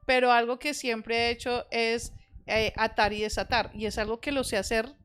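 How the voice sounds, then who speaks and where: A woman's voice: on the high side, level tone, normal speed, fairly bright tone, clear, resonant tone. A woman talking casually about prayer and spiritual life, reflective and lightly joking, quoting her own prayers. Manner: reflective, self-deprecating humor, quotes her prayers. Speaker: church member in conversation. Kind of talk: casual chat on faith.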